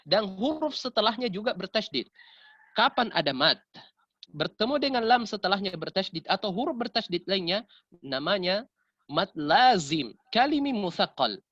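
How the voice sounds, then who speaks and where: Seorang pria Indonesia mengajar tajwid, mengoreksi bacaan dan mencontohkan pelafalan yang benar dan yang salah. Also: male voice, high voice, big pitch swings, a little fast, fairly bright tone, no room sound, dull audio. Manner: corrective, demonstrates right and wrong recitation. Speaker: Quran recitation teacher. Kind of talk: tajwid lesson with recited examples.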